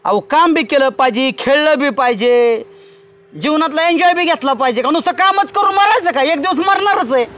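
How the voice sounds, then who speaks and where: High, lively, boastful village man. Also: a little fast. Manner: boastful, bossy, excitable. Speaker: comic lead in a village comedy. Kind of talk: comic village skit.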